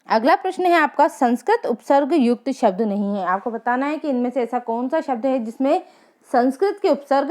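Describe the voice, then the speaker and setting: Woman, high voice, teacher, exam-prep quizzing, slow read-out of options. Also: darkish tone. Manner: quizzing, reads out options slowly, then gives answers.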